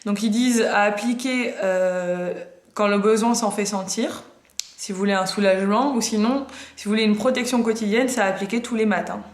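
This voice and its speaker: A beauty vlogger in her twenties chats casually while unboxing a beauty box, hesitating often with fillers and making self-mocking jokes. Her medium-pitched voice is steady and normally paced, and the sound is roomy.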